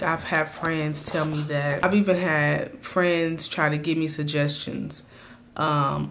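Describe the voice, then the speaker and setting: A woman with a raspy, hoarse voice from a cold, giving earnest motivational advice straight to her viewers in a casual vlog. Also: sits low, fairly bright tone. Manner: earnest, speaks to viewers directly. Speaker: vlogger.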